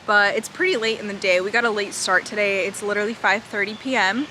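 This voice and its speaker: A woman's voice: medium pitch, fairly even intonation, fast, pushed and bright, a little hiss or hum, poor audio. A young woman chatting casually in a book vlog from a beach, rambling with lots of "like" fillers. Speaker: book vlogger. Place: outdoors at a beach.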